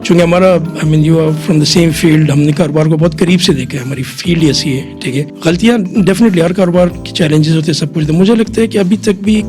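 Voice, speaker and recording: A man's voice: fairly high pitch, brisk, few pauses, darkish tone, soft background music. A middle-aged man from Quetta, a chartered accountant guest, explaining at length in a podcast interview and mixing English phrases into his Urdu. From Pakistan, Quetta. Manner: mixes English phrases into Urdu, frequent "theek hai".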